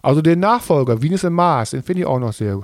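Speaking fast and expressively in a slightly high voice, a father co-hosting his son's podcast rambles through casual conversation. He's middle-aged and searches for details as he goes, and the recording is dry, with clean studio sound.

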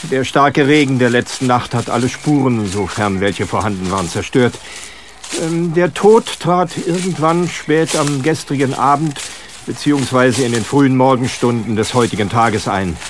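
A man plays a plain-spoken constable in an audio crime drama, respectful and factual. His mid-pitched voice sits in clearly noisy ambience. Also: moderate pace, close to an everyday voice. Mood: dutiful. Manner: respectful, matter-of-fact reporting. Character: deferential, plain-spoken male police constable.

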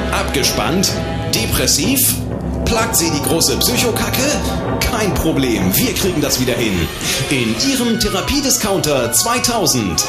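A pushy infomercial announcer, played by a man, sells in a punchy, highly animated mid-pitched voice. The radio-ad parody sounds roomy and echoing, over music. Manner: punchy salesman delivery. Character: pushy male announcer of absurd discount adverts. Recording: roomy reverb with music bed.

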